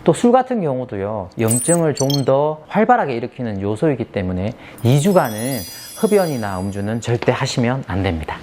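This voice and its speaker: A man's voice: medium pitch, big pitch swings, a little fast, hardly any pauses. A man speaking as a dentist, explaining patient aftercare in an emphatic way and asking rhetorical questions.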